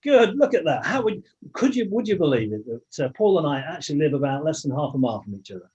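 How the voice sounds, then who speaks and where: The host, a man from England, has a fairly high, sing-song voice that's a little mellow, and he talks fast. Casually welcoming people to his online meeting, he often restarts sentences; the video call audio is muffled.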